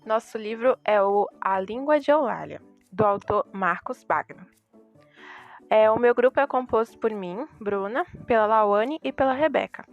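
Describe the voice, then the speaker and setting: A woman's voice: a little high, expressive, moderate pace, phone-quality sound, faint music behind. A young woman, a student, explaining a book chapter to her class with rhetorical questions. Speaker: student presenting a group assignment. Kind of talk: class presentation.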